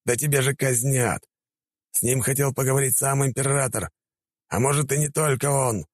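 A man's voice: mid-range voice, normal speed, no echo, voice pushed up, natural voice. A man reading an audiobook, voicing a stern male army commander who barks orders.

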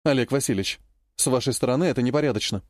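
A man's voice: mid-range voice, very fast, no room sound, natural voice. A man reading the lines of a cold, curt, proud woman in an audiobook, in a dry and clipped manner. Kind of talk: audiobook character voice.

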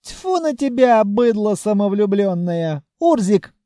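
A man reading an audiobook, voicing a sharp-tongued, mocking young female ship captain. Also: very high-pitched, lively intonation, a little slow, no echo, clean studio sound, pitched above the performer's own voice. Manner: sassy, mocking.

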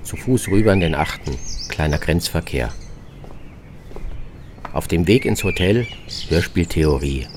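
Deep-voiced and lively in intonation, a man narrates a radio travel segment at a measured pace, pausing often. Music and other background noise sit behind his terse, fragmentary first-person script.

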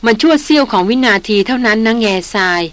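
A woman's voice: fairly high pitch, animated, fast talker, dry recording, lightly acted. A woman doing a shaken aristocratic huntress. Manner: trembling, breathless speech.

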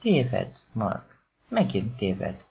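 A menacing gangster, voiced by a man in an audiobook, speaking slowly and loudly with cold, controlled fury. His pitch swings widely between words. The recording is dull and lo-fi. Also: very animated, breathy edge. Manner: quiet, commanding, threatening, swearing. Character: menacing male gangster, calm yet furious.

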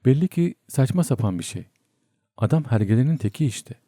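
A man's voice: mid-range voice, expressive, brisk, warm tone, no echo, studio quality, voice pushed up, close to an everyday voice. A man reading a story aloud, playing a courteous, hesitant middle-aged military man who hums between phrases.

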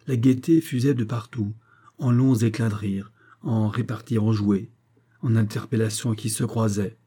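A man reading a novel aloud in a steady, measured manner, as scripted narration. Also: on the low side, slightly rough. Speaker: audiobook reader.

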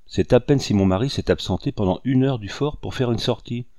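A man reading the lines of a gentle, kindly young married woman in an audiobook, speaking softly and coaxingly. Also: mid-range voice, fairly quick, no echo, studio quality, lightly acted. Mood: tender. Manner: soft, coaxing delivery.

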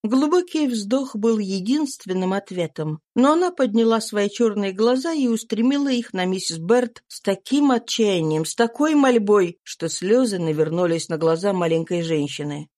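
A woman narrating a classic novel as an audiobook in a measured storytelling manner. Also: mid-range voice, expressive, darkish tone. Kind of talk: scripted narration.

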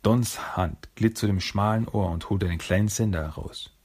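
Deep, husky male storybook narrator. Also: darkish tone. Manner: measured, storytelling.

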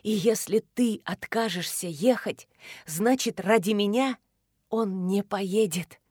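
A woman reading an audiobook voices a fierce, scornful teenage girl who hisses and shouts in sharp indignation. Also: mid-range voice, slow, slightly rough, no echo, studio quality. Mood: bitter. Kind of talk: audiobook character voice.

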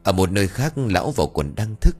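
A man narrating a horror audiobook in an expressive storytelling manner. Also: fairly low pitch, fairly quick, slightly rough. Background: faint music.

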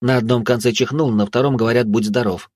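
A man's voice: mid-range voice, fairly even intonation, quick pace, a little mellow, no room sound, clean studio sound, natural voice. A man voicing a strict, fretful young woman who heads the student group, pleading and exasperated. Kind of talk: audiobook character voice.

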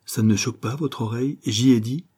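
A gentle, refined young woman from a classic novel read aloud, patient and kindly corrective, as a man lifts his husky, mellow voice for her. Her tone stays earnest and composed. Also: medium pitch, a little fast, close to an everyday voice. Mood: correcting.

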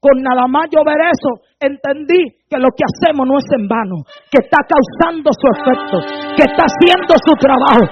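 A woman's voice: high voice, normal speed, few pauses. Fervent woman preacher, sing-song sermon. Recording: slightly dull recording with faint music. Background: faint music.

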